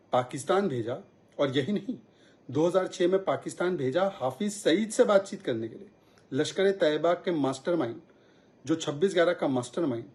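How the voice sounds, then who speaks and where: A man giving a forceful, accusatory political statement to the press. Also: a little high.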